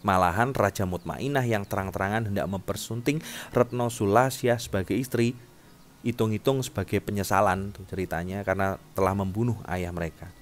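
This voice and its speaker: Low-voiced male storyteller. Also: fairly even intonation, brisk, slight background noise. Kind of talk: storytelling narration.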